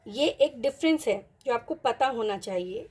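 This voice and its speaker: A woman teaching an online Hindi lesson, patiently mixing in English words and repeating each example word slowly. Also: on the high side, expressive, darkish tone.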